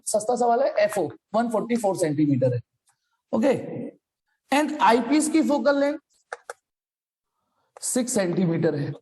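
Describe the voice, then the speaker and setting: A man's voice: extremely high pitch, darkish tone. A man teaching a physics class live, explaining problems in a jokey, chatty way and calling his students "beta". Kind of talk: live online class lecture. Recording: long reverb.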